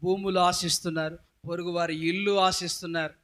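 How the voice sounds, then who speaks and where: A pastor delivers a sermon in a high voice, raising it in loud emphatic calls. He keeps asking his congregation questions as he preaches. The delivery stays forceful throughout. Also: flat delivery, fairly quick.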